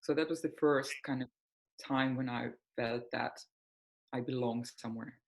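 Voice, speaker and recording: This clip features a healing coach from Finland, a woman in her forties and a native Finnish speaker, chatting casually as an interview guest. Her pitch is extremely low and her tone steady, at a moderate pace. The recording is rough, and her manner is open and reflective, full of soft fillers.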